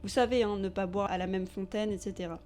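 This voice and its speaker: A woman's voice: mid-range voice, fairly even intonation, fast, a little mellow. Woman narrating a documentary over music. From France. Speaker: narrator of a video essay.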